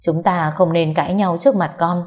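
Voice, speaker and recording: A woman voicing an estranged young husband who speaks quietly and hesitantly, trying to stay calm. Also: lowish voice, normal speed, lightly acted. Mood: subdued.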